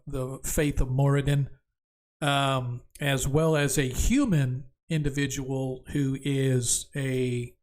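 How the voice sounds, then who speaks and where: A man narrating a tabletop fantasy game as game master, improvising descriptions in a halting way. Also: mid-range voice.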